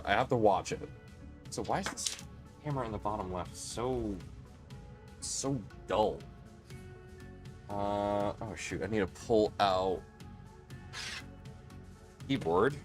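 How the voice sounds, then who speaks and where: A man in his late twenties hosting a casual live stream, rambling and chatty with lots of fillers and restarts. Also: on the low side. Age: 20s.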